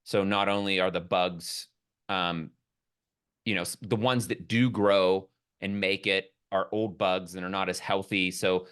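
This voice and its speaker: Man, podcast guest, rather low voice, bright forceful tone, rambling enthusiastic talk. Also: fairly even intonation, measured pace, clean tone. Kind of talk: casual podcast conversation.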